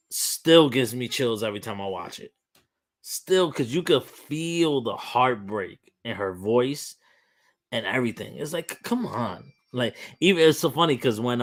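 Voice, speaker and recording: A young man hosting a podcast, talking in an animated, emphatic rant full of restarts. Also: mid-range voice. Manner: frequent restarts and fillers. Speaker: podcast host. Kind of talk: casual opinionated chat.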